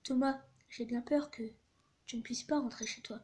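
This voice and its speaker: A woman voicing a kindly but ominous middle-aged train conductor from a spooky text-message story, speaking calmly and softly. The voice sits high and light for a man. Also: normal speed, close to an everyday voice. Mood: gently grave.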